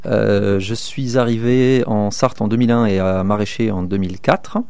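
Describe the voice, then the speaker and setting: Gravelly-voiced man in his thirties. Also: fairly low pitch, fairly even intonation, normal speed, darkish tone, no room sound. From southern Manche, France. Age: 30s. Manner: hesitant, many fillers and restarts. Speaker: election candidate. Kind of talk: interview answers.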